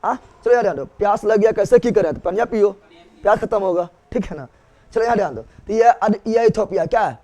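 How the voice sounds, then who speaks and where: A high-pitched male teacher runs a classroom lesson, firing a question at the class and then giving the answer himself. He hammers each fact home by saying it again and again in a call-and-response rhythm. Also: animated, a little fast, a little mellow. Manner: drills facts by repeated question and answer.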